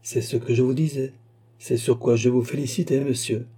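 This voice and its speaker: A man's voice: mid-range voice, flat delivery, moderate pace, mellow, breathy edge, lightly acted. A man voicing a queen who asks eager, gracious questions. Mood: curious. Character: curious, pleased female queen.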